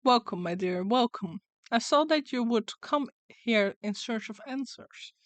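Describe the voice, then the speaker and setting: A woman's voice: a little high, expressive, a little slow, dry recording. A woman voicing a sly serpent fortune-teller from a game in a coaxing, theatrical snake voice. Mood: welcoming, coaxing. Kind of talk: reading video game dialogue in character.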